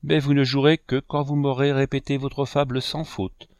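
A man voicing a noble mother who speaks gently but firmly, in a storybook reading. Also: medium pitch, little pitch movement, moderate pace, clean tone, dry recording, studio quality, natural voice. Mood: gentle firm. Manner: gentle, firm.

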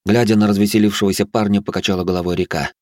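Deep male narrator, measured fantasy audiobook reading, dry booth. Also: fairly even intonation, darkish tone, no echo.

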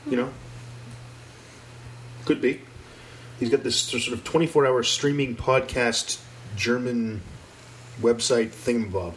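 A man's voice: mid-range voice, fairly even intonation, measured pace, long pauses, a little hiss or hum, poor audio. Teasing man hosting a casual podcast. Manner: teasing, playful banter. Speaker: podcast host.

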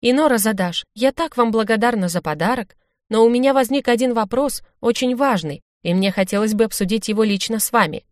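A woman's voice: fairly high pitch, fairly quick, dry recording, studio quality, pitched above the performer's own voice, natural voice. A woman voicing a spoiled, scheming young noblewoman who pleads and insists, in a storybook reading. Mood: pleading.

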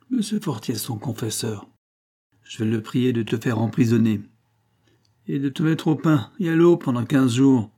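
A man's voice: mid-range voice, voice pushed up, close to an everyday voice. A man voicing an old spinster aunt, pious and suspicious, who scolds and accuses her nephew in a storybook reading. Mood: threatening. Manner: sharp, accusing, sermonizing.

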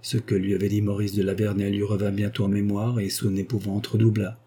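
A man narrating a classic novel as an audiobook, in a measured, dramatic reading. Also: lowish voice, monotone, mellow, slightly rough. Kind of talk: scripted narration.

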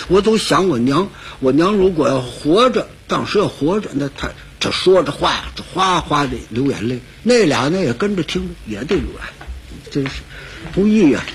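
A man's voice: fairly high pitch, a little hiss or hum. A man performing a solo comic crosstalk story in a plain, chatty way, repeating and restarting his words. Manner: plain, conversational delivery with many repeats and restarts.

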